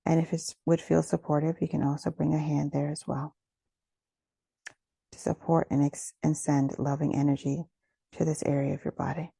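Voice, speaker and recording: Gentle and slow, a woman guides a meditation in a soft, breathy voice that sits low, keeping a level tone and pausing between phrases to soothe. There's no echo.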